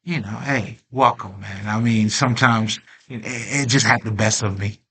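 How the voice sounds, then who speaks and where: This self-help channel host speaks with a fairly low pitch and fairly bright tone, edged with breathiness. His casual spiritual monologue rambles streetwise, packed with slang and fillers, and he laughs often and shows his emotions openly.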